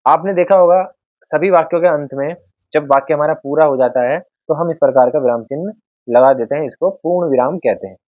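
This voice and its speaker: A man's voice: a little high, brisk, no room sound. A man teaching a Hindi grammar lesson over slides, who explains with everyday examples and speaks to viewers as friends. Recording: dry, narrow phone-like sound.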